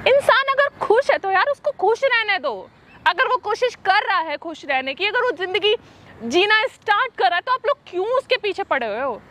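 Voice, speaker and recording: A woman's voice: very high-pitched, sharp tone. A woman YouTuber talking straight to her viewers in an emotional rant, indignant, pleading one moment and threatening the next. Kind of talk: emotional direct-to-camera rant.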